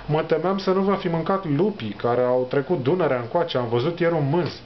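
A man's voice: on the high side, slight background noise, close to an everyday voice. A young male reader voicing a weepy old neighbor. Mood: worried. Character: sad old man, gun-carrying, weepy neighbor. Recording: dull lo-fi recording.

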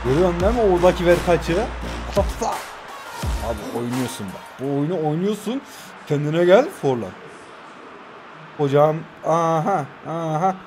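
Excitable young man commentating his match. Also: a little high, normal speed, long pauses, music in the background. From Turkey. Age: 20s. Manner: excitable, shouts player names, talks to viewers. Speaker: mobile football gamer. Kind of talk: live gameplay commentary. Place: new home at night, keeping voice down.

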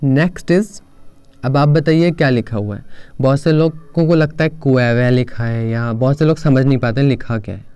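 A young man explaining pronunciation in a lesson, slowly repeating model words. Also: medium pitch, dark tone, clear, resonant tone, dry recording. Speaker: pronunciation teacher.

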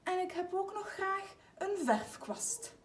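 A woman's voice: very high-pitched, animated, slow pace, a little hiss or hum, pitched above the performer's own voice, heavily acted. A woman voicing a little girl bear cub who is eager and earnest, with a childlike, insistent manner, read aloud from a storybook. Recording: echoey room, mic at a distance.

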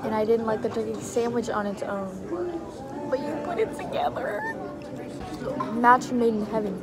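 A woman's voice: on the high side, normal speed. A playful woman vlogging with her phone in a busy restaurant, talking while chewing. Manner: bubbly, playful, teasing. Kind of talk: casual eating vlog chat. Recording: loud crowd noise around the phone mic. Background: loud crowd chatter.

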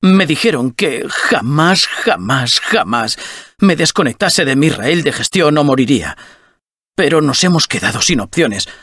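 A man voicing a chatty, nervous male robot sidekick in a dubbed video game, talking in an excitable rambling way. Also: on the high side, unhurried, husky, no room sound, studio quality, full character voice.

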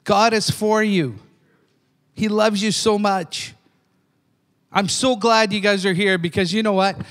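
Within a church hall's long reverb, an elderly preacher delivers a fervent sermon, again and again asking his listeners "amen?". He speaks unhurriedly in a high-pitched, slightly bright voice with a steady tone.

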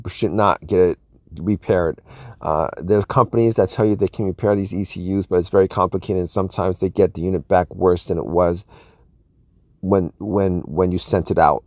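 A man's voice: fairly low pitch, darkish tone, dry recording, clean studio sound. A man casually explaining a car repair, rambling and often saying "all right" and "you guys". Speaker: car repair video host. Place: outdoors at an open car engine bay.

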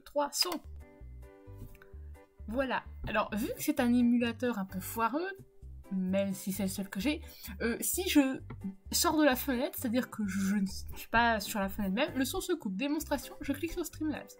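A woman streamer chatting casually with her viewers while setting up and playing a game, laughing often. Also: on the high side. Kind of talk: casual live-stream chat while gaming.

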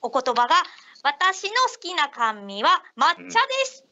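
A woman's voice: high voice, lively intonation, measured pace, pushed and bright, dull audio, exaggerated voice. A woman co-hosting a radio show in character as a loyal young female ninja, speaking in formal old-fashioned phrasing with an Aichi dialect. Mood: cheerful. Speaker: radio co-host. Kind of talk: in-character radio talk in archaic samurai speech.

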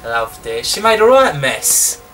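A man's voice: mid-range voice, very animated, a little slow, distant mic. A sniffly British man casually commenting on a game he is playing, chatty and joking, talking back at the screen. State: a bit sniffly. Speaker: gameplay commentator. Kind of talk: casual let's-play commentary. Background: loud game music.

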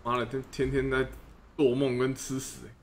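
A man's voice: mid-range voice, completely flat delivery, fairly quick, slight background noise. A young man, casually commenting on a game he plays on stream, joking and swearing often.

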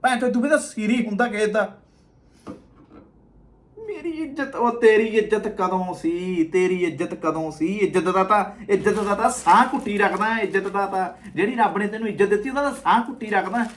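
A man's voice: sits high, fast, few pauses. Mocking Punjabi man roasting clips. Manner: abusive, mocking, laughing. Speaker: comedy reaction creator. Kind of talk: mocking reaction commentary.

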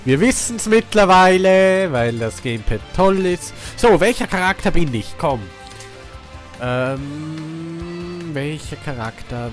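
Game music plays behind a young man from Austria who hosts a gaming channel and narrates his playthrough casually. His cold leaves him stuffed up, and his mood swings from excited outbursts to quiet muttering.

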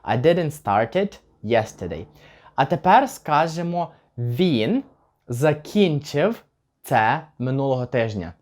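Male English teacher, clear and patient. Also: medium pitch, very animated, darkish tone. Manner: slow, careful model pronunciation of example phrases. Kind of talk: language lesson for beginners.

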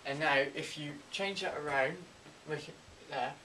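A young man in his teens giving an informal, halting step-by-step card trick tutorial in amateur magician patter. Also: on the high side, bright, forceful tone, slight background noise, rough recording. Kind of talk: informal step-by-step demonstration and explanation. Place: indoors at a table and whiteboard.

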